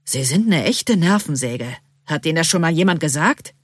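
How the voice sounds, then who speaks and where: A woman's voice: deep voice, animated, normal speed, slightly rough, no echo, clean studio sound. Woman reading as a grumpy delivery man. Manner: grumbling, blunt. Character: gruff middle-aged male delivery man, grumpy.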